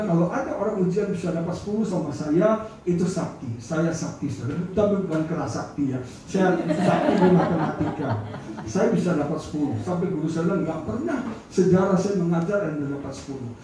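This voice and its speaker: A middle-aged man preaching a sermon as pastor, humorous and animated, acting out quotes. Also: on the high side, slight background noise. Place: church hall. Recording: echoey room from far off.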